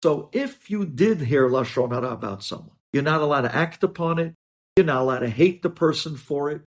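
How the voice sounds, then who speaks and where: The man's voice is fairly high, with lively intonation and a slightly fast delivery. Acting as a rabbi, he teaches religious law via hypothetical cases, explaining emphatically and repeating the key phrases.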